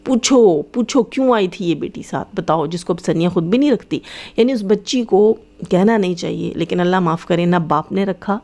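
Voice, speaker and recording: A woman rants in a heated, taunting commentary. Her voice sits fairly low and sounds dark and mellow. She scolds her targets head-on, as if they were in front of her. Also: gravelly. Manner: scolding, taunting, addresses rivals directly. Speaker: vlogger commenting on other vloggers.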